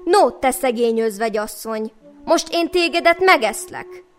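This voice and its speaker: A hungry, boastful wolf from an old folk tale bellows in a high, loud voice, easily scared and easily fooled. A woman storyteller acts him out, with faint music playing behind. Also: animated, close to an everyday voice. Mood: menacing.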